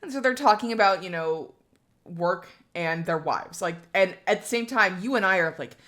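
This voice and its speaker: A woman's voice: mid-range voice, expressive, moderate pace, fairly bright tone. A young woman co-hosting a casual podcast, telling stories in a chatty, easygoing way. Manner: chatty storyteller, laughs often. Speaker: podcast co-host. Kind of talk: casual chat.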